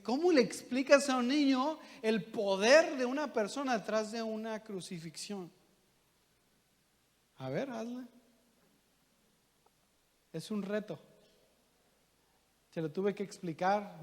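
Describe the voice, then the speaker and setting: A man's voice: high voice, normal speed. A man preaching a sermon as pastor, talking conversationally and asking the congregation rhetorical questions. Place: church hall. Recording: long church reverb.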